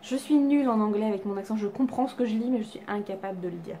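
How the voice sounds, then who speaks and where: A woman's voice: mid-range voice, quick pace, warm tone, a little hiss or hum. A woman chatting casually to camera about her makeup haul, self-deprecating and full of fillers and restarts, at home. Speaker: beauty vlogger. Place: home with cats around.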